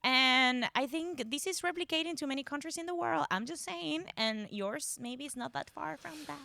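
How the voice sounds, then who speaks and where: A woman's voice: high voice, moderate pace, vocal fry, bright, forceful tone, dry recording, studio quality. A young woman co-hosting a casual podcast, laughing often, swearing, and trailing off as she searches for words. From Venezuela. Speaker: podcast co-host. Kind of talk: casual chat.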